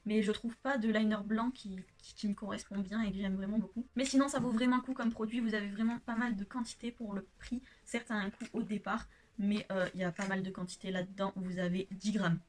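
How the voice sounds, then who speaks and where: A woman's voice: mid-range voice, fairly even intonation, a little fast, darkish tone, slight background noise. A woman vlogger chatting through a makeup haul in her home workshop, gushing and hesitating often. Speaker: beauty vlogger. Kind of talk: casual makeup haul vlog.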